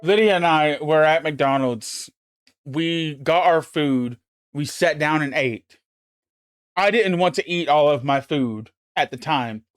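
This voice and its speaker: A man's voice: fairly high pitch, slow pace, smooth, dry recording, clean studio sound, faint music behind. A man hosting a livestream, chatting casually and ranting with emphatic, profane complaints into a desk mic. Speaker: livestream host. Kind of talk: casual chat.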